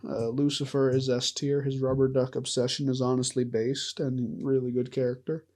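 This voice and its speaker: A man's voice: medium pitch, level tone, normal speed, darkish tone. A man giving casual, rambling commentary as he ranks cartoon characters, laughing often and trailing off mid-thought. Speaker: vlogger ranking show characters.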